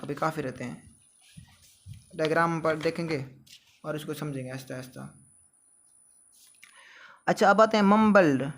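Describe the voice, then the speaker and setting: A man runs a relaxed vocabulary class. He reads long lists of synonyms at an uneven pace and often wanders off into homely asides. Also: fairly high pitch. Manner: chatty, digressive, drawn-out word lists. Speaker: teacher. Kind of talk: casual vocabulary lesson.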